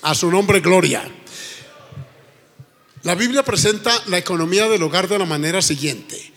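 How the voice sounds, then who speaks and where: A man's voice: sits high, moderate pace, fairly bright tone. A male pastor preaching an emphatic sermon in a church, with frequent praise exclamations. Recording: reverberant church hall.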